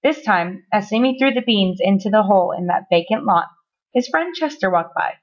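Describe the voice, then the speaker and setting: A woman reading a children's story aloud with expressive, playful storytelling. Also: mid-range voice, moderate pace, highs cut off. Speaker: storybook reader.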